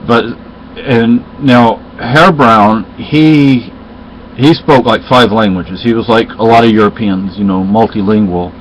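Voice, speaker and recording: The voice belongs to a middle-aged Spaniard with a lowish register who speaks Spanish natively. In a casual chat he tells a meandering story, pausing and beginning over again and again. A little hiss or hum runs under the dull, lo-fi recording.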